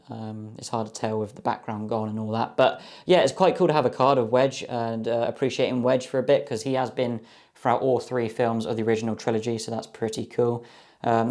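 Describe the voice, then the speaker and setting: A young man opens a box of trading cards, chatting casually with enthusiasm and plenty of ums and guesses. His voice is mid-range with a darkish tone.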